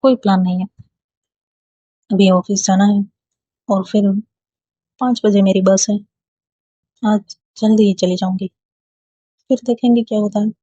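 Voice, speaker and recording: A playful, confident young woman in love, as a storyteller puts her on, teasing and tender in a warm, husky voice. She speaks at an unhurried pace. The sound is dry and a touch muffled. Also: mid-range voice, steady tone, no echo. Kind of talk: storybook dialogue read aloud.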